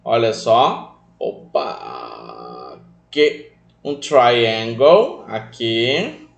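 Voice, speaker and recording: A young Brazilian man teaching English to children online, calling his pupils affectionate names and drilling new words slowly for them to repeat. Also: mid-range voice, huge pitch swings, vocal fry, dull audio. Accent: Brazilian Portuguese. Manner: affectionate, calls pupils "meus amores", speaks of himself as "tio".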